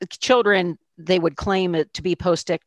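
A woman describing her experience in the emergency department during an online panel, slightly halting as she recounts what she saw. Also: on the low side, fairly even intonation, no room sound. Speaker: emergency care clinician.

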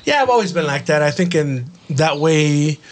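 A man's voice: fairly high pitch, expressive, normal speed, slight background noise. A man chatting casually in a group, blunt, slangy and profane, often putting himself down and repeating himself.

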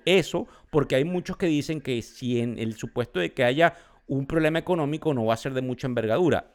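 A man from Venezuela hosting a financial market show, explaining the news to his listeners and defining the terms as he goes. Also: medium pitch.

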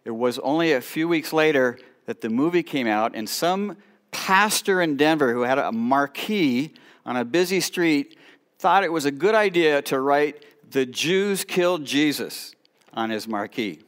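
A middle-aged man, a rabbi, telling stories to a congregation with animated delivery and quiet asides. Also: on the high side, normal speed. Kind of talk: storytelling talk to a congregation.

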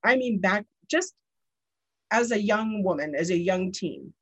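A woman's voice: medium pitch, lively intonation, measured pace, a bit bright, husky. A woman in her fifties hosting a podcast, chatting casually and telling personal stories. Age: 50s. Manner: chatty and storytelling. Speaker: podcast host.

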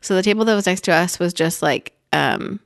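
A woman's voice: on the low side, a little fast, gravelly, no echo, studio quality. A young woman co-hosting a podcast in casual chat, talking loosely with many fillers and laughing often. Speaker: podcast co-host.

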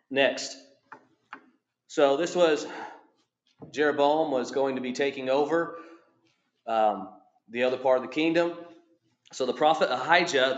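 A man preaching a sermon and reading scripture in a measured, steady way, sounding a little under the weather with a cold. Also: mid-range voice. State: has a cold. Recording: echoey, slightly muffled church recording.

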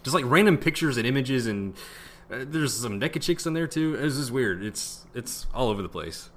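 A man co-hosting a casual podcast, laid-back and hesitant, filling pauses with ums. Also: mid-range voice, expressive, a little hiss or hum. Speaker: podcast co-host. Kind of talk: casual chat.

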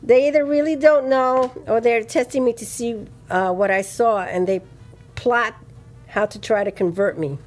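Lively, blunt woman podcast co-host. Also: fairly high pitch, moderate pace, faint music behind. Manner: lively, laughing, blunt and profane. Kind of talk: casual podcast chat.

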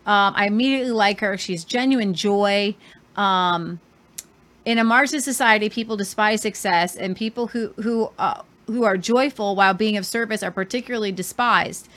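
A woman's voice: mid-range voice, normal speed, fairly bright tone. A woman hosting a podcast, giving casual commentary on viral videos. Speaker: podcast host.

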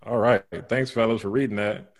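A man with a lowish voice opens a church panel discussion. He speaks in an earnest, measured way as he introduces the topic and his guests. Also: steady tone. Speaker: panel host.

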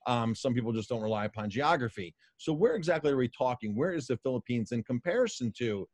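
A man's voice: mid-range voice, expressive, fast talker, a little mellow, no room sound. A middle-aged American man hosting a casual interview in a wordy, effusive conversational way. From Colorado, United States. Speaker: interview host.

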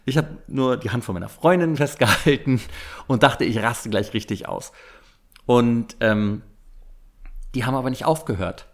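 A man, telling a story in casual chat, animated and acting out the people he quotes. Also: medium pitch, normal speed.

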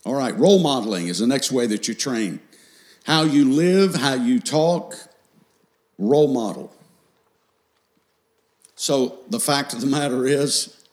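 A man's voice: medium pitch, darkish tone. Middle-aged male seminar speaker, folksy and scripture-quoting, teaching parents and checking in with the room.

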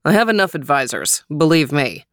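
A woman's voice: low-pitched, sing-song, a little fast, fairly bright tone, no echo, clean studio sound, pitched below the performer's own voice. A woman doing a curt, stern king. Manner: curt and dismissive. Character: stern older king, brusque father.

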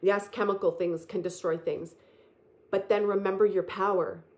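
A woman delivers a motivational spiritual talk. She speaks earnestly and repeats herself for effect, slowing right down on the phrases she wants to land. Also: mid-range voice, steady tone, darkish tone. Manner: earnest, repetitive, emphatic and slow on key phrases.

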